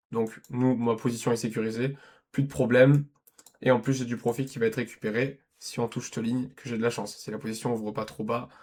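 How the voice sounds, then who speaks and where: Male trading teacher, mid pitch, chatty walkthrough with frequent check-ins. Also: darkish tone. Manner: conversational, checks in with "d'accord?" and "ok?"; thinks aloud with restarts and self-corrections. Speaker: trading educator. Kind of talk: screen-share trading lesson.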